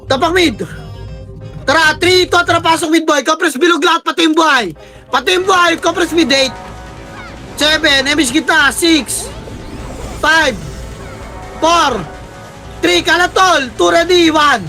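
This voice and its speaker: A young man with a hoarse, cracking voice shouting quick commands and countdowns to his team during a live game, swearing often. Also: very high voice, soft background music. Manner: barks rapid commands and countdowns, swears a lot. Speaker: team shot-caller.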